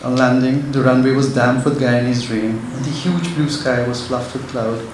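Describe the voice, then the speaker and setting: In a steady, mid-range voice at normal speed, a man gives a prepared literary talk as an author, earnest and a little nervous. The hall is very echoey, with faint background noise.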